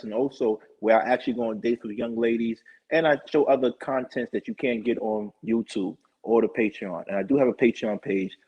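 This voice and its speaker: Man, livestream host, casual rambling shout-outs, breathy voice, muffled lo-fi sound. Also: mid-range voice. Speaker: show host. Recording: dull lo-fi stream audio.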